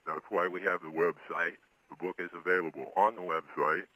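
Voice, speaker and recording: A man with a disguised deep voice, giving explanatory answers as an interview guest. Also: fairly even intonation, normal speed, bright, forceful tone, no room sound, low-quality recording. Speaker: guest, pseudonymous author.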